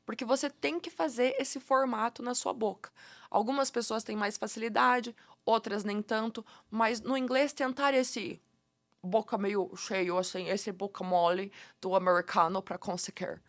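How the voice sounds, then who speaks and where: A woman from Curitiba, Brazil, with a Curitiba accent, explaining pronunciation tips as a guest teacher in a playful, animated way and laughing often. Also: on the high side, unhurried, dry recording. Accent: Curitiba Brazilian Portuguese. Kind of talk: casual podcast interview.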